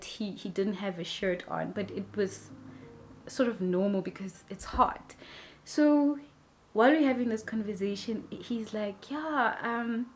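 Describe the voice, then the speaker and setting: A woman telling a personal story to camera in a halting way, repeating words and sinking to a hushed near-whisper at tense moments. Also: mid-range voice. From South Africa. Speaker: YouTuber recounting a personal experience.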